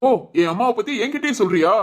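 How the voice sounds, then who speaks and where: A voice actor speaks in a mid-range voice, animated and fast, close to how people talk every day. He plays a stern young husband in a cartoon who takes his mother's side, lecturing and giving orders. His speech carries the accent of a Tamil Nadu village.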